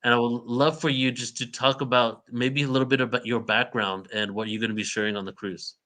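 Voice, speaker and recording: A man's voice: mid-range voice, fairly even intonation, a little fast, bright, forceful tone. A man hosting an interview, introducing his guest and asking her loose, friendly questions. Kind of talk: casual interview.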